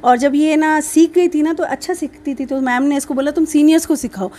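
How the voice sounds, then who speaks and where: High-voiced chatty mother telling stories. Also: a little fast. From Rajasthan. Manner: chatty, animated storytelling with voiced quotes. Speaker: mother of a young dancer. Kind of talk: casual interview.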